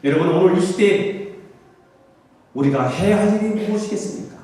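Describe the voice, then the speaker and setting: Impassioned pastor in an echoing sanctuary. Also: male voice, sits high, fairly quick, mellow, distant mic. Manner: impassioned preaching, rising to fervent cries. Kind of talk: sermon. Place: church sanctuary. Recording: echoey church hall, voice from afar.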